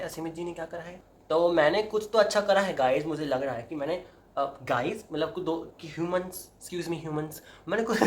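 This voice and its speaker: A man's voice: fairly high pitch, slight background noise. A young man chatting casually to camera while he cuts his own hair at home, mixing Hindi with English and breaking into dramatic yelps and laughs. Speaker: vlogger. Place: indoors at home, roomy. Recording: echoey home room.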